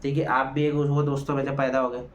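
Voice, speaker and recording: A man's voice: medium pitch, flat delivery, fast talker, lo-fi sound. A man giving a casual spoken review of a reality show episode. He talks animatedly, asks rhetorical questions, keeps saying "ठीक है", and raises his voice to act out quoted lines.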